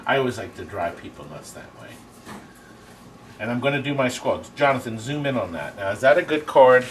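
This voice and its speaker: A man's voice: mid-range voice, expressive, brisk, a little hiss or hum. A man hosting a casual walk-through tour video, chatty and rambling with jokey asides. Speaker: host giving a video tour of his arcade business. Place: indoors in an arcade game warehouse.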